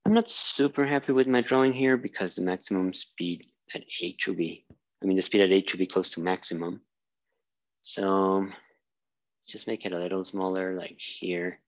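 A man's voice: low voice, fairly even intonation, normal speed, highs cut off. A man teaching physics at a whiteboard, thinking aloud with fillers and restarts as he draws. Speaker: physics instructor. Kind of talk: whiteboard lecture. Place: small room at a whiteboard.

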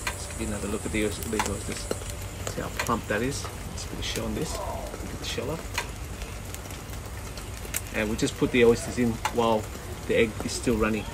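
Foraging and cooking outdoors, between a garden kitchen and a rocky bay shore, this man in his forties gives relaxed, chatty cooking commentary with lots of ums. He speaks fairly quickly in a fairly low voice and pauses often. The outdoor camera audio, from a mic at medium distance, carries loud ambient noise.

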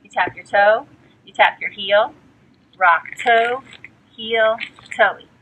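Woman dance teacher, higher voice, slow chant of steps, light hiss. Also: sharp tone, poor audio. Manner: chanting step names. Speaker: dance instructor. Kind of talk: dance tutorial.

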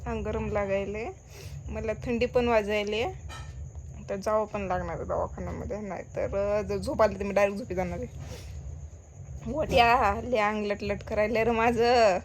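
A woman's voice: medium pitch, steady tone, normal speed, a little hiss or hum. A woman vlogger chatting casually, laughing and playfully complaining to the camera and a friend. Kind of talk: casual vlog chat.

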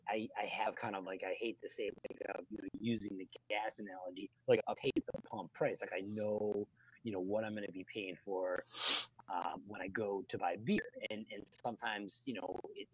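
A man's voice: lowish voice, a little hiss or hum, low-quality recording. A man co-hosting a casual beer show, rambling with lots of fillers and restarts. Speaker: podcast co-host. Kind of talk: casual chat.

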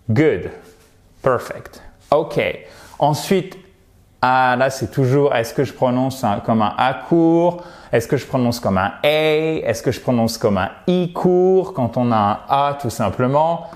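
A French-speaking man leads an online English pronunciation lesson. He talks in a lively, coaching way and models each word by saying it several times over. His voice sits at an ordinary middle pitch for a man. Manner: lively, coaching, models words by repeating them. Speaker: English teacher.

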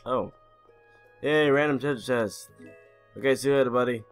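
A man's voice: medium pitch, moderate pace, smooth, faint music behind. A man giving comedic commentary while playing a game, sarcastic and profane.

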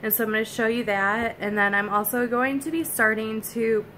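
A woman's voice: a little high, fairly even intonation, moderate pace, bright, forceful tone, slight background noise. A young woman chatting casually to camera as a vlogger, filming on her phone held at arm's length. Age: young adult. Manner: chatty, friendly, loose with fillers. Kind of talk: casual vlog talk to camera. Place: outdoors on a windy summit, then indoors.

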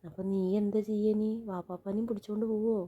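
Mellow-voiced woman at home talking softly to a little kid, coaxing, soothing, patient. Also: medium pitch, fairly even intonation, quick pace, slightly rough, lo-fi sound. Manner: gentle, coaxing, reassuring. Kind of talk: casual chat with a small child.

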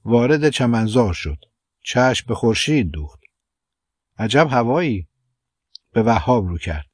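Man reading a novel, measured and dry. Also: fairly low pitch, big pitch swings, husky, no room sound. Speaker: audiobook narrator. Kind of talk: scripted literary narration.

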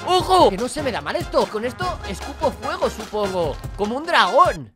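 An excitable woman narrates her gameplay in a quick, joking Let's Play style. Her voice sits a little high, and she often repeats words when something happens. Soft game music runs underneath. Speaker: gaming YouTuber.

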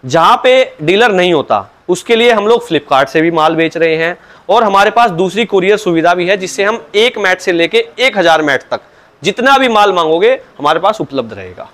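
A man with a fairly high voice, speaking as a dealer in his shop. He explains things patiently and politely, like a salesman. His answers often open with a respectful address to the questioner. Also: animated, moderate pace, fairly bright tone. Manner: patient, salesman-like, repeatedly opens with "sir, look". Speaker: cow mat dealer. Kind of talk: product explanation in an interview.

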